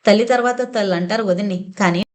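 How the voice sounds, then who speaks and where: A fiery young woman snaps and scolds with biting sarcasm, as a woman reads her in an audio novel. Her lines come quick and cutting, full of contempt for the people she faces. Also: medium pitch, lightly acted. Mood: angry. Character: fiery young woman Vijaya, quick-tempered elder sister.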